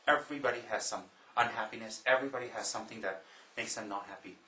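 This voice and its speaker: A man from Taiwan, a Buddhist monk, giving a slow, emphatic Dharma talk to an audience, repeating phrases and adding joking asides. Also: fairly low pitch, sharp tone, reverberant, low-quality recording.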